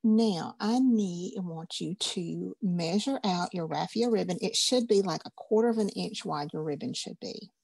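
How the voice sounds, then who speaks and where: A woman's voice: on the low side, moderate pace, creaky, hardly any pauses, a little mellow, breathy edge, dry recording. A woman, teaching a craft class in a chatty, upbeat, folksy way. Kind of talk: casual craft class instruction.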